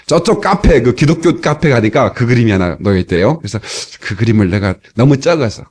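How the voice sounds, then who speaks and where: Animated husky-voiced pastor preaching. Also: male voice, mid-range voice, brisk. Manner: animated, acts out playful quoted dialogue. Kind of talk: sermon. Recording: old cassette tape sermon transfer.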